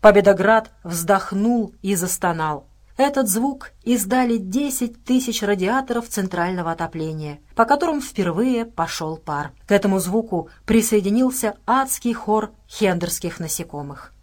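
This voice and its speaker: A woman narrates an audiobook at a steady, measured pace. She leans on key words for drama. Her voice sits at a middle pitch for a woman. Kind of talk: scripted narration.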